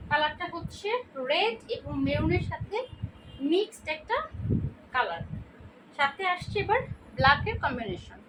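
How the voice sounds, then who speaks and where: A very high-voiced woman with a Bangladeshi Bengali accent walks through dresses for sale in a chatty, repetitive way. She stands some way off from the mic. A clear hiss of background noise runs under her voice. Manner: chatty, repeats prices and colors. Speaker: online clothing seller. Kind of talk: casual product showcase. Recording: distant mic with noisy background.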